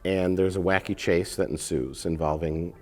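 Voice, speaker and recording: A man's voice: deep voice, fairly even intonation, moderate pace, big-room sound. A middle-aged man giving a casual, comic recap of a film in a panel discussion. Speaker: show panelist recapping films. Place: indoor studio panel.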